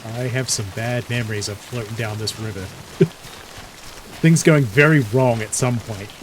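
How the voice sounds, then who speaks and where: A man's voice: medium pitch, a little slow, slight background noise. A man streaming a game, giving wry, sarcastic casual commentary and swearing freely.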